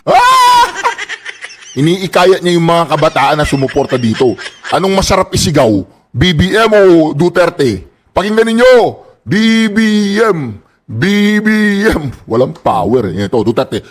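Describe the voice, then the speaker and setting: A man with a Filipino accent giving sarcastic commentary over rally footage, laughing often and loudly. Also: a little high, huge pitch swings, normal speed. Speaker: political commentary host.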